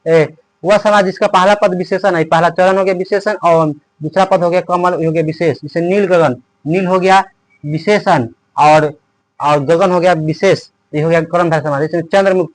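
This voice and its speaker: A man teaches an online grammar lesson in a slightly high voice. He repeats each point and asks and answers his own questions. The recording is dry and close to the mic. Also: no echo. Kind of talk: online class lecture on grammar.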